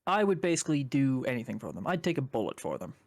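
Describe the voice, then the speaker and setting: A man's voice: medium pitch, sing-song, quick pace, no echo, studio quality. A young man from Canada, a guest on a chat stream, rambling casually through a personal story and swearing now and then.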